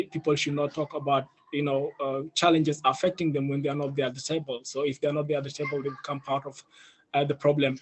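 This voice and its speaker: On a video call, a young youth leader with an East African accent speaks as a panelist, earnestly presenting his own story and frequently saying "you know." Born in Ethiopia to a South Sudanese family, he has a higher-pitched voice. The audio is poor, with slight background noise.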